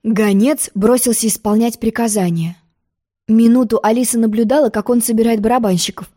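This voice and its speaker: A woman calmly narrating a children's storybook. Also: a little high, fairly quick. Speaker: audiobook narrator.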